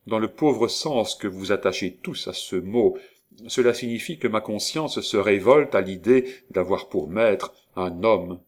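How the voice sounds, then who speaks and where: A man's voice: on the low side, unhurried. A man voicing a proud, defiant young noblewoman, speaking in a haughty, impassioned way in a storybook reading.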